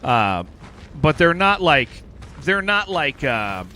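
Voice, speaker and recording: A man's voice: fairly high pitch, big pitch swings, slow, pushed and bright, a little hiss or hum. A man streaming a video game live, chatting casually and rambling with lots of fillers. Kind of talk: casual live-stream commentary while gaming.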